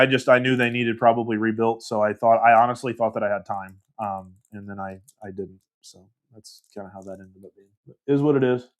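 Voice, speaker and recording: A man casually hosting a livestream, reading viewer comments aloud and rambling with self-deprecating laughs. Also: medium pitch. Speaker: livestream host.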